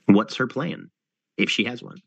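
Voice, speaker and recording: A man narrating a tabletop game as game master, unhurried and pausing often to think. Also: medium pitch, creaky, husky, no echo. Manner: unhurried, with many thinking pauses.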